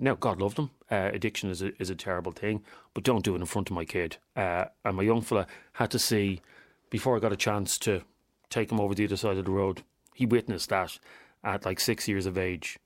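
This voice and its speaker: A man's voice: lowish voice, fairly even intonation, fairly quick, no room sound, clean studio sound. A middle-aged man, hosting a radio phone-in conversationally and pressing his points with repeated phrases.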